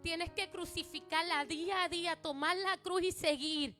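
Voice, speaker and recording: A woman's voice: very high voice, steady tone, normal speed, bright, forceful tone, soft background music. A woman pastor preaching a fervent sermon at a church service, driving her points home with insistent repetition. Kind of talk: impassioned sermon.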